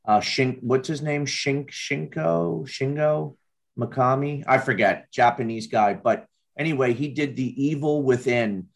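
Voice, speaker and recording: A man's voice: mid-range voice, a little slow, creaky. A man in a casual podcast chat who talks bluntly, with slang and mild swearing.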